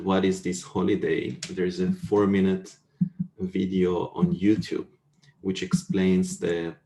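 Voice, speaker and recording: A man's voice: sits low, vocal fry, a little mellow, slight background noise. A man giving an explanatory technical lecture over an echoey video call. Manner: explanatory, checks understanding with questions. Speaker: university lecturer. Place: indoors, online video call.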